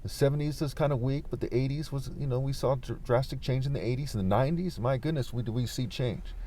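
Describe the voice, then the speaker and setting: A man's voice: medium pitch, fast, dark tone. A man giving an informal political monologue, argumentative, leaning on rhetorical questions and repeating his points. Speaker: political commentator.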